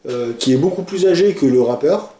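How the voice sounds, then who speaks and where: A man co-hosting a casual music podcast, talking about a song he loves with frequent hesitations and clear enthusiasm. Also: fairly high pitch, expressive, a little fast, mellow. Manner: hesitant, many fillers, enthusiastic. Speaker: podcast co-host presenting a song. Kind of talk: casual chat. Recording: echoey room.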